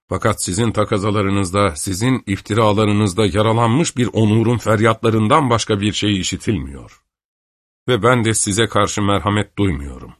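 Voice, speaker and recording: A man reading a proud, cold gentleman who answers in a haughty, clipped way, in an audiobook. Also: on the low side, no room sound, clean studio sound, lightly acted.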